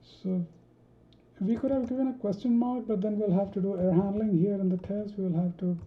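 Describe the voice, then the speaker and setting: Slow thinking-aloud woman coding tutor. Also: lowish voice, a little hiss or hum. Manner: thinks aloud, many ums and restarts. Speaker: programming tutor. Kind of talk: screen-recorded coding tutorial. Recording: dull roomy home recording.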